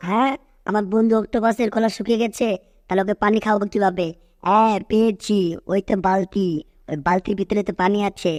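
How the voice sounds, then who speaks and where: A woman's voice: mid-range voice, steady tone, a little fast, darkish tone, dry recording, studio quality, natural voice. Cartoon dub: a sly, teasing mouse, played by a woman in her ordinary mid-range voice. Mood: cheeky. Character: Jerry, a cheeky, scheming cartoon mouse.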